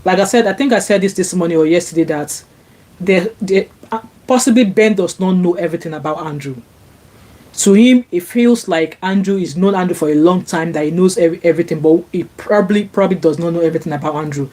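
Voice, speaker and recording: Chatting on a live stream from home in sunny Glasgow, this vlogger reads out viewer comments into her laptop microphone. She is Nigerian, a native Yoruba speaker, with a lowish, warm voice and a brisk pace, full of fillers and restarts, rising whenever she feels indignant.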